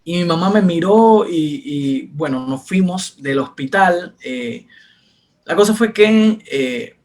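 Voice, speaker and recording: Man, young adult, somewhat high voice, earnest testimony, storytelling, quotes others softly. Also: expressive, slow pace. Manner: earnest, retells dialogue in soft quieter voices. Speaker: testimony speaker. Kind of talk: personal faith testimony, storytelling.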